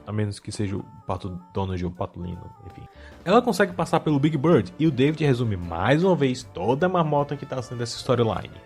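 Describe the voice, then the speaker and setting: A man's voice: mid-range voice, a little mellow. A man with a Brazilian accent hosting a casual, humorous video essay, rambling into wry asides.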